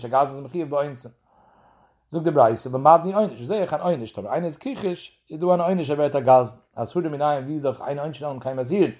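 A man's voice: mid-range voice, warm tone. A man giving a Talmud lesson, explaining each step and speaking directly to the listener. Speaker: Talmud teacher.

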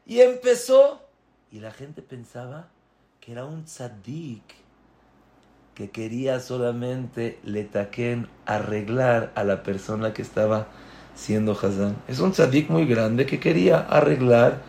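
A man, a religious teacher, giving a moralizing sermon and telling a story in a deliberate, storytelling way. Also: mid-range voice, creaky, a little mellow, a little hiss or hum.

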